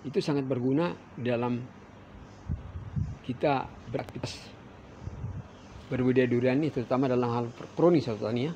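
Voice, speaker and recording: Gravelly-voiced farmer teaching outdoors in the orchard, faint background noise, talks straight to viewers. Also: male voice, mid-range voice, normal speed, pauses often, warm tone. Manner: addresses viewers as fellow farmers, explains while pointing. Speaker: durian farmer. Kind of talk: farming tutorial.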